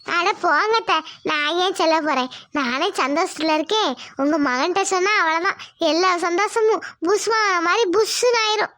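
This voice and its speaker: A woman's voice: very high voice, moderate pace, pushed and bright, dry recording, studio quality. A woman voicing a sweet, coy young village wife, cooing and affectionate in a cartoon. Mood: cheerful.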